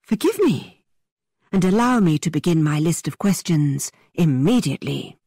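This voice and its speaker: A woman voicing a witty, playful young gentleman who teases in a mock-theatrical way. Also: low-pitched, very animated, normal speed, husky, dry recording, studio quality, full character voice. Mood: teasing.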